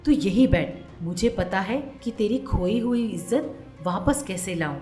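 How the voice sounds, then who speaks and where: A woman's voice: medium pitch, animated, measured pace, warm tone, faint music behind, pitched below the performer's own voice, natural voice. A woman voicing a suspicious middle-aged mother-in-law who scolds firmly and mockingly. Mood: consoling. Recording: roomy echo.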